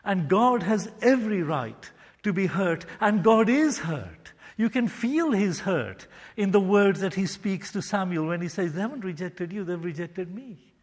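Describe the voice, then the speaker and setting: A man's voice: sits high, expressive, a little slow. A man preaching an earnest sermon, often repeating phrases for emphasis. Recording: hall reverb.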